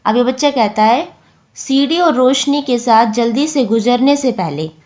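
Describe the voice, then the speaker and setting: A woman teacher who reads English lines slowly, then explains them patiently in Hindi and counts syllables out loud. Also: a little high, lively intonation.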